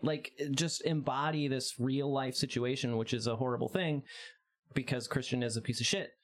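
A man's voice: mid-range voice, fairly even intonation, moderate pace. A man in a casual podcast chat, giving a chatty and opinionated film analysis with many restarts.

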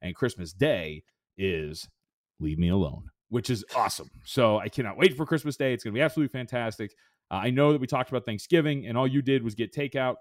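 A man's voice: mid-range voice, quick pace, no room sound, studio quality. A man in his thirties hosting a sports betting podcast in a loose, rambling way with lots of fillers. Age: 30s. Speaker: podcast host. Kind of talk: casual chat.

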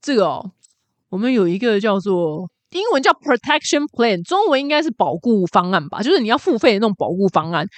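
A woman voicing a weary, jaded male store clerk who talks in a slow, low, mumbling monotone. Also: dry recording, lightly acted. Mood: listless.

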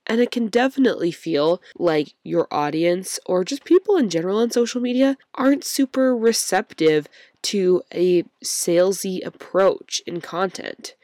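A woman hosting a solo workshop-style podcast, croaky from a cold and upbeat as she speaks straight to her listeners. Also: on the low side, expressive, normal speed, warm tone, no room sound, clean studio sound. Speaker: podcast host.

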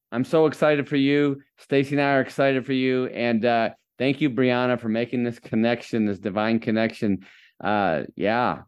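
A man's voice: medium pitch, darkish tone, clear, resonant tone. A man hosting a faith-based podcast interview, enthusiastic and preacher-like as he encourages his listeners. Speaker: podcast host.

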